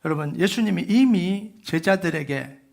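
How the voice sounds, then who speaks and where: A man's voice: high voice, animated, normal speed, vocal fry. A man preaching a Sunday sermon as pastor, talking to the congregation conversationally with rhetorical questions and leading them in reading scripture aloud. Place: church sanctuary.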